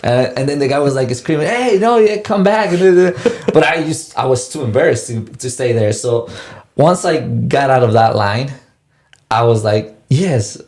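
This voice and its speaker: Young man, halting storyteller, restarts a lot. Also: medium pitch, a little mellow. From Mexico. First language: Spanish. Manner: halting, restarts and repeats words. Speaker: guest. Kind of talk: casual personal storytelling.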